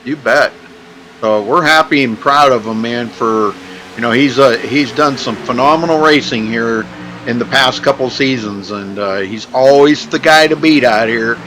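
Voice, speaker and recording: A man's voice: mid-range voice, moderate pace, fairly bright tone, slight background noise, poor audio. A man working as a motorsport commentator, giving casual, chatty live commentary on a race.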